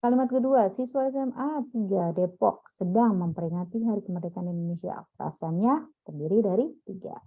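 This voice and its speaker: A woman's voice: mid-range voice, brisk, hardly any pauses. Woman teacher lecturing on dull audio. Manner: explains step by step, quizzing listeners. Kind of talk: classroom lecture.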